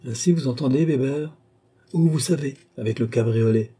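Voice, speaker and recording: Raised well above his own register, the reader turns into a brisk noblewoman of about thirty, as a man puts her on. She snaps out imperious questions and orders in a dark, husky tone. It sounds like an audiobook reading. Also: medium pitch, voice pushed up, close to an everyday voice. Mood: commanding. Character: lively noblewoman around thirty, commanding.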